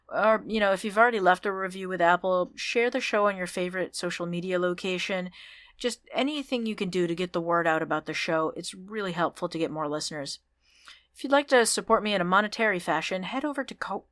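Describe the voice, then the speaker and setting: A woman hosts her writing podcast alone and talks casually and upbeat, with fillers and small restarts. Her voice sits in a middle pitch. The recording is dry and close, with no room sound. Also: a bit bright, no room sound. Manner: chatty, upbeat, with ums and restarts. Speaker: podcast host. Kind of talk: solo podcast outro and shout-outs.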